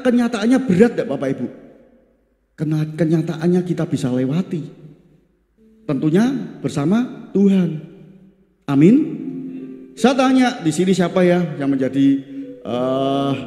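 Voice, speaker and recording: A man's voice: fairly high pitch, dark tone. A pastor preaching in a chatty way to his congregation, asking them questions. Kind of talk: sermon. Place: church hall. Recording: echoey church hall with long reverb.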